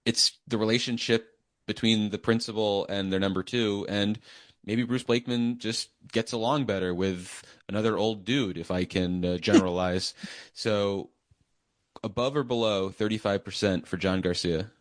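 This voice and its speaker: A low-pitched man hosts a political podcast. He weighs the odds in a relaxed, conversational way, slipping in dry, wry asides. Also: moderate pace. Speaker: podcast host. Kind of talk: casual political chat.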